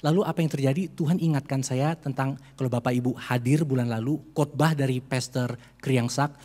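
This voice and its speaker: A man's voice: medium pitch, fairly even intonation, brisk, a little mellow, big-room sound. A male pastor preaching a heartfelt sermon in a church, telling a personal story to his congregation. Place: church sanctuary during a service.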